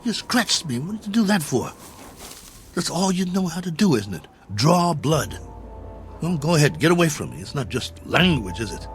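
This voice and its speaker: Sounding exasperated and bitter, an American actor plays a weary, wry one-armed colonel stranded in space in a 1960s TV drama, his slightly high voice swinging widely in pitch. He explains things in simple, halting phrases, patient then exasperated, over music on an old soundtrack.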